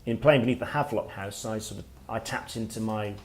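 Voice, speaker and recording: A middle-aged man, an author giving a workshop talk, speaking in a reflective, halting way as he thinks aloud. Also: fairly low pitch, slight background noise. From Wales. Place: workshop room with listeners.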